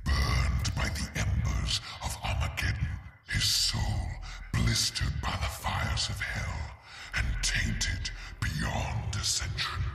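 An actor playing a grim, ancient male narrator telling a hellish legend in a deep, gravelly, slow and solemn voice. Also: sharp tone. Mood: ominous. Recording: long echoing hall reverb.

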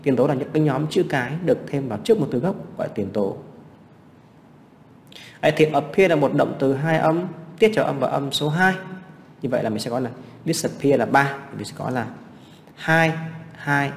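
A man's voice: mid-range voice, normal speed, creaky, pauses often, long reverb tail, slight background noise. A man teaching English exam practice, explaining answers step by step and asking rhetorical questions.

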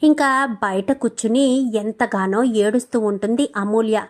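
A woman with a notably high voice narrates a scripted TV serial recap. Her telling is dramatic, and she keeps posing questions as she moves through the story. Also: measured pace.

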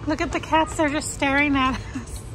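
A woman's voice: high voice, fairly even intonation, moderate pace, music in the background, poor audio. A woman in her thirties chatting to her phone camera while walking through a pet store, giggly and casual. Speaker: vlogger. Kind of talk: casual vlog chat. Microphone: phone at arm's length. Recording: store noise behind.

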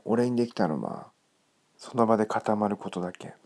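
A man narrates a creepy ghost story in a hushed tone. His voice is low and gravelly, with a crackle of fry and a breathy huskiness that often sinks close to a whisper. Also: normal speed.

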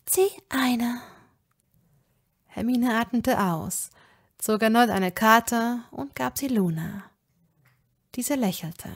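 A woman narrating a fan fiction story in a measured, even way. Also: on the high side. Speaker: audiobook reader. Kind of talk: reading fan fiction aloud.

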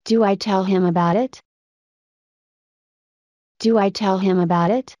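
Slow, dry-voiced woman reading drills. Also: mid-range voice, fairly even intonation, warm tone, dry recording. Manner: plain, evenly paced model reading. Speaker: English phrase reader. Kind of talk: slow repeated phrase drills.

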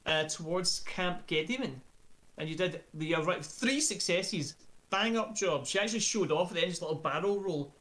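A woman hosting a tabletop game stream as game master, chatty and quick with asides and laughter. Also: fairly low pitch, expressive, fairly bright tone. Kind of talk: casual stream intro.

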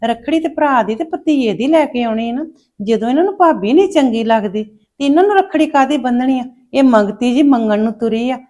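A woman's voice: on the high side, a little fast, mellow, natural voice. A woman playing a jealous young mother who grumbles bitterly about her husband's sister. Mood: spiteful. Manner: bitter muttering.

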